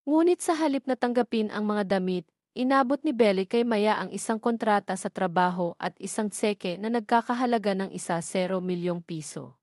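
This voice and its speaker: A woman with a Filipino accent narrates a scripted dramatic story in a mid-range, slightly mellow voice at a moderate pace. The studio sound is clean, with no room sound.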